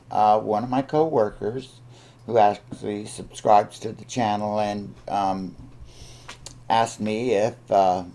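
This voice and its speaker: A man talks through an informal vlog update in a relaxed, mellow voice. His delivery is slow and halting, full of ums and searching pauses, as he hosts without a script. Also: lowish voice. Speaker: video channel host. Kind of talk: casual, unscripted vlog update.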